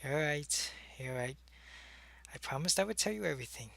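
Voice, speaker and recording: In an ASMR roleplay, a man acts out an earnest, secretive alien agent delivering a one-sided, intimate monologue to a human listener, hesitant and explanatory. His voice is a little high, gravelly, pushed and bright, with lively intonation at a moderate pace, heavily acted and with no echo.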